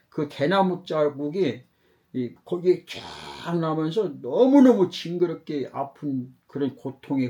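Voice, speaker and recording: A man's voice: on the high side, dark tone. A middle-aged man hosting a podcast, telling an emotional story about fatherhood in an earnest, impassioned way.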